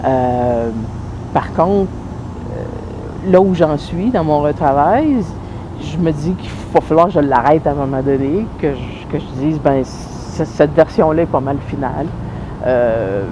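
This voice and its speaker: A woman playwright, talking thoughtfully in an interview, often pausing and restarting. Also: deep voice. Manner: thoughtful, hesitant, many pauses and restarts. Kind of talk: interview talk. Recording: noisy background.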